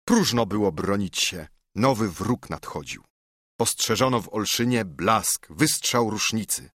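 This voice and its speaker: A man narrating epic poetry in a measured, rhythmic reading. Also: fairly low pitch, animated, fairly bright tone, no echo, clean studio sound.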